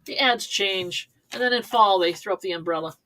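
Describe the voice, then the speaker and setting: A woman's voice: mid-range voice, moderate pace, a bit bright, a little hiss or hum, rough recording. A woman co-hosting a live online sale from a basement, talking on a video call in a chatty, playful way. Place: basement room.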